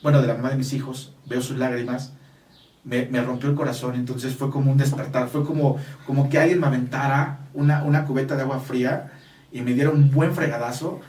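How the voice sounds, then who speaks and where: A man's voice: medium pitch, fairly even intonation, a little fast, darkish tone, far from the mic. An earnest man with a Mexican Spanish accent tells a personal story in an interview, emphatic and speaking straight to the listener. His voice sits in a mid range and sounds roomy, picked up from a little way off the mic. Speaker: business coach.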